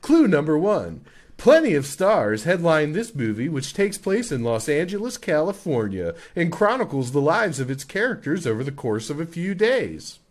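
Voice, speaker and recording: A man co-hosting an improv comedy show, with crude, mocking, energetic banter. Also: on the high side, moderate pace. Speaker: co-host.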